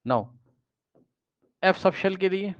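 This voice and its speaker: A man's voice: high voice, very slow, dry recording, lo-fi sound. Man drilling a chemistry lesson. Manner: repeats questions to students, drills step by step. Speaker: chemistry teacher. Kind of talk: exam-prep lecture.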